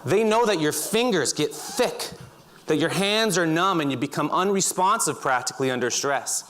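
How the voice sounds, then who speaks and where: Lively high-voiced man telling stories. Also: moderate pace. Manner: vivid second-person storytelling with bursts of loud acted shouting. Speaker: speaker. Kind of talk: storytelling talk. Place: auditorium stage.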